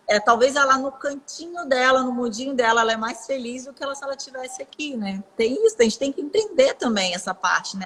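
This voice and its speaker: A woman's voice: fairly high pitch, a bit bright, a little hiss or hum, poor audio. A Brazilian woman hosting a live video chat, speaking candidly about her own family. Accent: Brazilian Portuguese. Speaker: live host. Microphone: video call.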